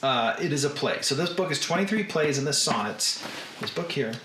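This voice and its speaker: A man with a Southern US accent chatting casually to livestream viewers as host, in an unhurried drawl with drawn-out words. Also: on the high side, animated, pushed and bright. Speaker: host of a live reading stream. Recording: roomy echo, faint background noise.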